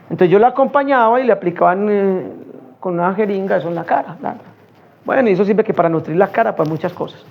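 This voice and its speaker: A man's voice: high-pitched, fast, gravelly, dull audio. A middle-aged man preaching a sermon in a conversational way, often asking the congregation questions.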